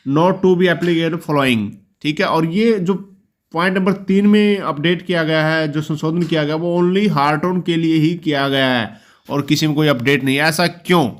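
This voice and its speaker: A man hosting his own channel, talking through a job policy in an informal, reassuring way and often closing a point with a quick check-in. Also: fairly high pitch. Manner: explanatory, reassuring, often ends points with "ठीक है". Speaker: YouTube channel host explaining job policy. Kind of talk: informal explainer talk.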